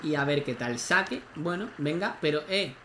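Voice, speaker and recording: A man's voice: fairly high pitch, lively intonation, moderate pace, noisy background. Chatty man thinking aloud. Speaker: gaming streamer. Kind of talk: casual gameplay commentary.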